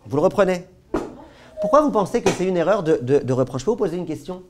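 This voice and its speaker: Rabbin au débit animé, voix plutôt aiguë. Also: male voice, sits high, quick pace, background noise. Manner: animated storyteller, jumps between loud stress and quiet asides; asks the class questions. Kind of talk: lively halakha class told with anecdotes.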